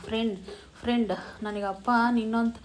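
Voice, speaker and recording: A woman's voice: fairly high pitch, steady tone, normal speed, lightly acted. A woman voicing a stubborn little girl who scolds her grown-up friend earnestly.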